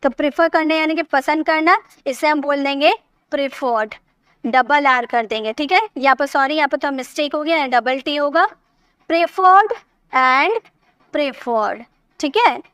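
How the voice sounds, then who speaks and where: A woman with a high, bright voice gives an English grammar lesson. She goes slowly and patiently, repeats herself and keeps checking that her students understand. The sound is dry and close, with no room echo. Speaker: English teacher.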